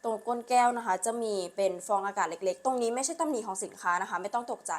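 A woman selling on a live stream, with a repetitive, urging sales pitch full of polite particles. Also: fast talker. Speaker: live-stream online seller.

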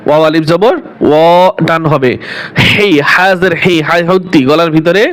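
A man with a high, smooth and resonant voice teaches religious recitation in a calm, patient way. His first language is Bengali. He draws out each chanted phrase slowly and then explains it. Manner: slow, drawn-out chanting of Arabic phrases between quick explanations. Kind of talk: religious pronunciation lesson.

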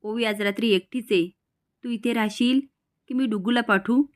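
A woman's voice: on the high side, steady tone, moderate pace, close to an everyday voice. A woman reads a stern, protective middle-aged uncle who scolds and commands. She keeps the voice close to her own.

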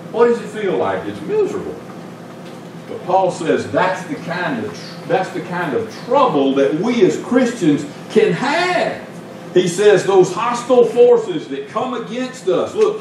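Preaching in a small indoor church sanctuary, this middle-aged Georgia pastor keeps a conversational tone, asks rhetorical questions, and alternates loud emphasis with soft asides, his voice on the high side. The sound comes from a pulpit stand mic filmed by a distant camera, so the audio is noisy and heavily echoed.

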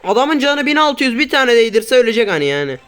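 A man doing casual gameplay commentary, grumbling and swearing at his teammates, then breaking into sudden loud outbursts. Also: very high voice, big pitch swings, quick pace, faint music behind. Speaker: gaming YouTuber.

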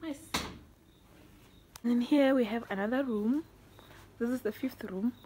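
Softly spoken young woman touring a lodge. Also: fairly high pitch, a little slow, background noise. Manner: chatty, easily delighted, gushing. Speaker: vlogger. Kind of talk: casual house-tour narration. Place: holiday lodge, indoors. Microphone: handheld phone camera.

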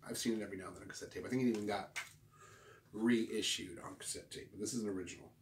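Talking fast in a lowish voice with fairly even intonation, a record collecting channel host in his forties does a casual show-and-tell vlog. His delivery is laid-back, slangy and rambling. It's recorded indoors in a small home room on a distant, roomy mic with noticeable background noise.

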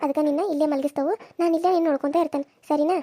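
A kind young village woman in a cartoon serial, voiced by a woman. She soothes and reassures in a high, quick voice with a mellow tone. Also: steady tone, dry recording, natural voice. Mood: soothing.

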